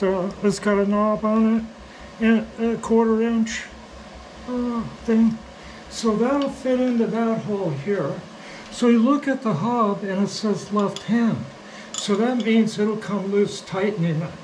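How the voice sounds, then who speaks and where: An older man with a weak, thin, hoarse voice, giving a casual hands-on workshop demonstration in a halting, plain-spoken way. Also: high voice, a little mellow, slight background noise, rough recording. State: hoarse from smoke. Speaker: millwright demonstrating shop tools.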